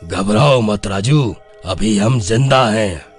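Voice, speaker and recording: Cartoon grandfather: old, gruff, low-voiced, faint music behind. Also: slow. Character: stern old village grandfather.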